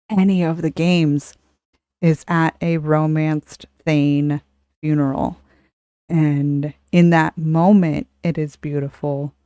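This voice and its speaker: A woman in her thirties co-hosts a casual podcast chat in a low, smooth voice. She talks slowly and earnestly, with feeling. The sound is close and dry. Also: a little mellow, no room sound. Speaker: podcast co-host.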